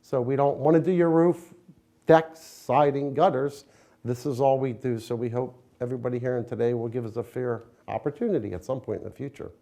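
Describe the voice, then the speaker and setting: Mellow-voiced American salesman, conversational. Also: mid-range voice, steady tone, fairly quick. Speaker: window company owner, interviewee. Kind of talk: conversational promotional interview.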